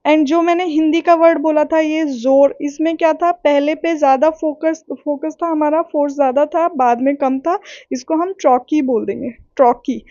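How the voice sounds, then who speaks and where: A woman teaching literary terms in a patient, explaining way, repeating checks like "okay" and reading definitions slowly. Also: sits high, fairly even intonation, dark tone, no echo, highs cut off. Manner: patient, repeats points with "ठीक है" and "okay"; reads English definitions slowly. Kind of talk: explaining lesson in Hindi-English mix.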